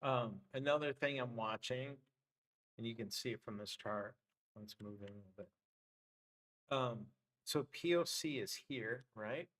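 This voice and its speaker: A man's voice: medium pitch, measured pace, a bit bright, low-quality recording. Man thinking aloud, voice getting worn. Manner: loose, thinking aloud with many fillers. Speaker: trading livestream host. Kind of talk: casual live trading commentary.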